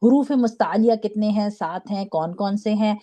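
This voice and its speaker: Mellow-voiced woman teaching recitation. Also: mid-range voice. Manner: patient, repeats syllables slowly, checks with "theek hai?". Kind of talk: online class lesson.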